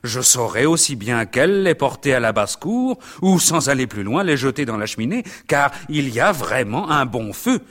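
A man voicing a brisk village barber who likes to correct others. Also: medium pitch, big pitch swings, a bit bright.

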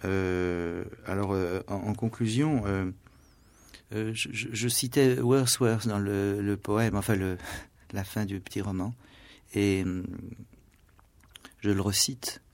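A male writer giving a radio interview, hesitant, full of fillers and stammered restarts, sometimes dropping to soft asides. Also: on the low side, fairly even intonation, slow pace. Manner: trails off to soft, near-whispered asides. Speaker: writer and translator being interviewed. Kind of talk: radio interview, musing and literary. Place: radio studio.

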